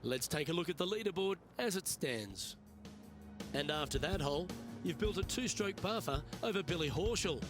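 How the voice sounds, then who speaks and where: An actor playing a measured, upbeat golf commentator in a video game, calling play as on a broadcast. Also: male voice, on the high side, animated, lightly acted. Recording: music and crowd behind commentary. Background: music, crowd.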